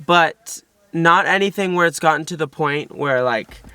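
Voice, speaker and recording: In a couple's vlog, a young man chats casually with his girlfriend, rambling in a nervous-sounding way and saying "like" constantly. His voice is fairly high, pushed and bright yet smooth, at a moderate pace, in a dry recording.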